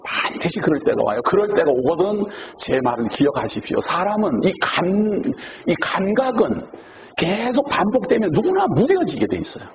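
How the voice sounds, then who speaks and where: A man's voice: high voice, normal speed. A man preaching a sermon as pastor, acting out the words of the people he quotes. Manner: animated, acts out quoted speech. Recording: dull, noisy lo-fi recording.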